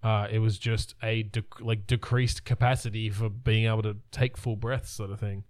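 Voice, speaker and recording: This man in his thirties talks in a fairly low voice, recorded close and dry with no room around him. He wanders through his thoughts in a relaxed podcast chat, often restarting and trailing off. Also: normal speed, no room sound. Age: 30s. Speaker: podcast co-host. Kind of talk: casual chat.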